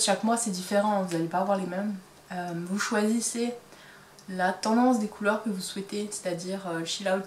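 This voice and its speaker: A woman's voice: medium pitch, roomy sound. A woman talks casually about her crafts, hesitating often, in a mid-range voice. She sounds a little far from the mic in a resonant room, with a faint hum of ambience behind her. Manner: chatty, hesitant, many fillers. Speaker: crochet and knitting podcast host. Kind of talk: casual chat showing items to camera. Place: home craft workshop.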